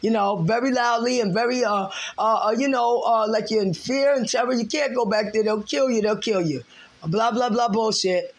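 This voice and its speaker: A woman's voice: fairly high pitch, moderate pace. An American woman venting in a ranting vlog monologue, heated and profane, with many fillers. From United States. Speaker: vlogger.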